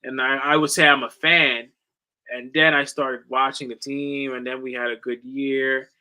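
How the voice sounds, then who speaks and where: Over poor audio, a man in his late twenties who left the Netherlands for the US at age ten chats about sports on his watch-along stream. He's slangy, swears, and says "bro" a lot, in a bright, forceful, medium-pitched voice with little pitch movement at normal speed.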